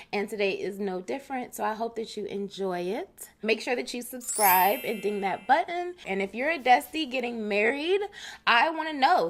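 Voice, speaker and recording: An enthusiastic woman hosting a podcast, full of praise and quick to call things crazy or wild. She speaks at an everyday middle pitch. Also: a little hiss or hum. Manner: gushing, enthusiastic, fond of words like crazy and wild. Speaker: podcast host. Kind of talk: podcast intro and interview.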